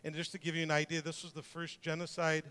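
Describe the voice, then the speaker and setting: Middle-aged man, informal presenter, light self-mocking humor, smooth voice with hall reverb. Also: on the high side, completely flat delivery, fast talker, bright, forceful tone. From Detroit, USA. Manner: joking, conversational, with many restarts. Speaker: speaker presenting to an audience.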